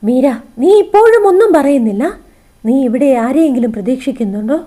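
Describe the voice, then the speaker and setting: A woman's voice: sits high, very animated, fairly quick, dark tone, voice pushed up. A woman reading as an anxious, pleading grown man. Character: worried grown man, a devoted father and lover.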